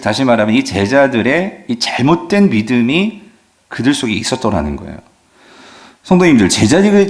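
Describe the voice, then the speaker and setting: A man preaching a sermon as pastor, asking the congregation questions and dropping frequent affirming fillers. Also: mid-range voice.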